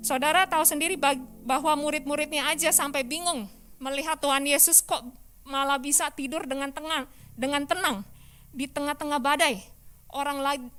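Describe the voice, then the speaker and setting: A woman pastor giving a lively sermon in church, often asking the congregation questions. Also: high voice.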